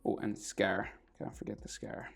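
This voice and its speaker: A man with a sore throat talks casually through a drawing tutorial in a crackly, gravelly voice that's a bit bright, keeping a moderate pace. He often trails off until he's nearly whispering.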